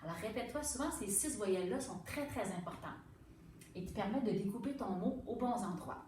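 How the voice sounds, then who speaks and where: A woman with a Quebec French accent gives a gentle reading lesson to young children, slowing down to sound out each syllable. She stands a little away from the mic in a strongly echoing room, with faint ambience underneath. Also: mid-range voice, lively intonation, far from the mic, a little hiss or hum. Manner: patient, sounding words out slowly. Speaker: teacher.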